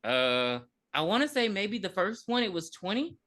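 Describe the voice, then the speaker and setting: A woman's voice: medium pitch, normal speed. A woman in her thirties recapping a movie in casual, profane podcast chat, acting out the characters' lines as she goes. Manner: animated storytelling with acted-out quotes.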